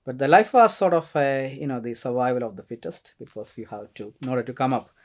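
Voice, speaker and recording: Middle-aged indian guy from kerala, average pitch, talks slow with lots of uh and um. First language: Malayalam. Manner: soft-spoken, hesitant with many fillers, laughs often. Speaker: podcast guest, priest. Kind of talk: casual interview conversation.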